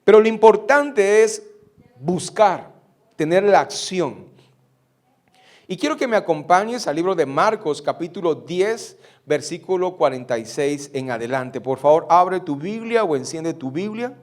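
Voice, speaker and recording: A man's voice: high voice, lively intonation, measured pace, darkish tone. A middle-aged man preaching a sermon, putting rhetorical questions to his congregation. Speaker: pastor.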